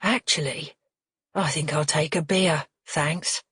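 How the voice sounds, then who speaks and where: A woman's voice: low-pitched, fairly even intonation, slow, a bit bright, breathy edge, no echo, studio quality, exaggerated voice. A woman voicing a crude, menacing middle-aged father who sneers and needles everyone at the table. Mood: sneering.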